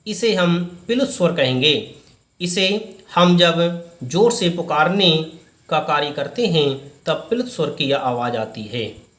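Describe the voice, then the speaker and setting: A man teaching Hindi grammar to students, slow and deliberate, repeating each point in a different way. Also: fairly high pitch, lively intonation, fairly bright tone, echoey room. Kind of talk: explaining a lesson to students.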